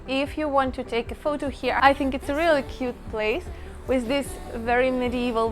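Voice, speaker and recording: A travel vlogger with a high voice films a casual vlog to camera outdoors in a small town. She's chatty and enthusiastic, calling her viewers "guys."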